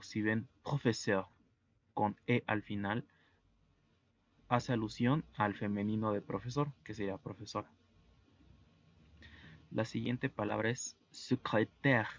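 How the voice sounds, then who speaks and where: Slow, gravelly-voiced male teacher. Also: mid-range voice, no room sound, lo-fi sound. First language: Spanish. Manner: slow, methodical, spells out sounds letter by letter. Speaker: French teacher. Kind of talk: online language lesson.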